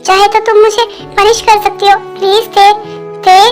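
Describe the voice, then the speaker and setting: A woman's voice: very high voice, flat delivery, normal speed, pitched above the performer's own voice. A woman voicing an anxious, remorseful young husband in a fan dub, pleading and stammering, with faint music behind.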